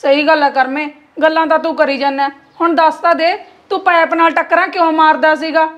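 A woman plays a concerned village relative with a Malwai Punjabi accent. Her voice is very high, and she probes with one question after another. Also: little pitch movement, brisk, muffled recording, natural voice. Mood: probing. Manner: probing, repeated questions. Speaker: female relative. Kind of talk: web series acting.

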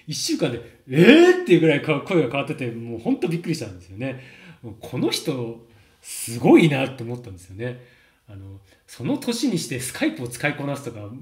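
A man in his thirties, a voice coach explaining in a casual, chatty lesson with many fillers and laughs. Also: medium pitch. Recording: roomy echo.

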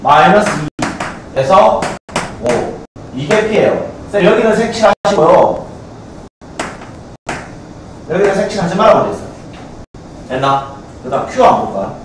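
A male math teacher with a Gyeongsang Korean accent lecturing a class, constantly quizzing students with quick checks. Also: high-pitched, lively intonation, slight background noise. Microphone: far camcorder. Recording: echoey classroom from a far camcorder.

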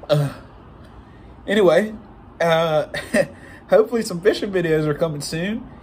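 A man's voice: fairly high pitch, a little slow, darkish tone. A man in his twenties chatting casually to the camera as a vlogger. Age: 20s. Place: small hotel-like bedroom, indoors. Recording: faintly noisy room recording.

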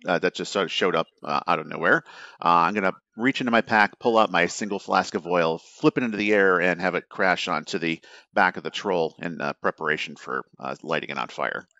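A man's voice: low voice, a little fast, sharp tone, dry recording, muffled recording. A man chatting casually as a player in a tabletop game, thinking aloud hesitantly.

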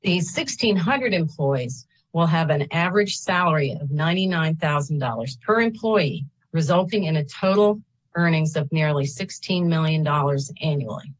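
A woman's voice: sits low, animated, normal speed, poor audio. A woman from a state agency reading a prepared statement of support at a public hearing over a video call, with small slips and corrections as she reads figures. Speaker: state agency representative giving public testimony. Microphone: computer webcam on a video call.

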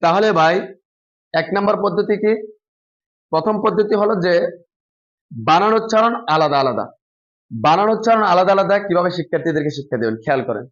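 Male teacher, high voice, dull lo-fi recording, slow drilled syllables with soft low asides. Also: animated. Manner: slow drawn-out spelling demonstrations with quieter low asides. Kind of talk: spoken classroom lesson demonstration.

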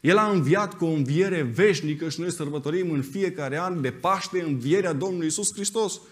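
Emphatic man preaching a sermon. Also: fairly high pitch. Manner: emphatic preaching, addressing the congregation directly. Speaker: pastor.

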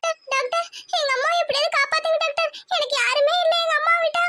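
A woman's voice: very high-pitched, fairly even intonation, fast talker, sharp tone, faint music behind, pitched above the performer's own voice. A woman voicing a frightened young village girl who pleads tearfully for her mother in a cartoon. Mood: tearful pleading. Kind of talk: cartoon voice acting.

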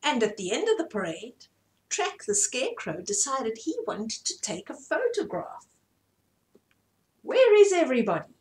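Reading a bedtime story to small children, a middle-aged storytime host speaks at normal speed in a high-leaning voice that swings hugely in pitch. She explains the story expressively from a small furnished room indoors.

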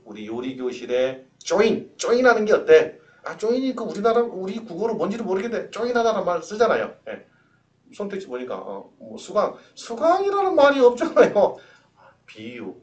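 Chatty Korean-speaking male tutor, lively pitch. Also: recorded from a distance, highs cut off. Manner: chatty, jokey teacher, asks and answers his own questions. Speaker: English exam tutor. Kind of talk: recorded exam-prep lecture.

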